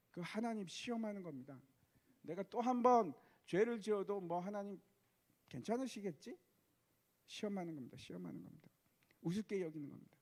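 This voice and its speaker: A male pastor preaching a sermon, posing rhetorical questions to the congregation. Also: sits high.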